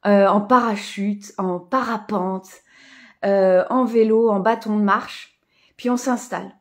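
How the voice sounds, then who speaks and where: A woman hosting a live coaching stream, speaking in a reflective, spiritual way with many fillers and soft laughs. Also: mid-range voice. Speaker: host of a live coaching session. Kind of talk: casual live stream talk, greeting viewers.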